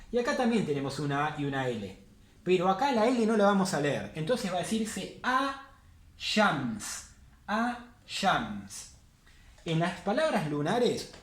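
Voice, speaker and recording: A man teaching a language class, patiently repeating key points for emphasis. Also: fairly high pitch. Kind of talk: classroom lesson. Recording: echoey room.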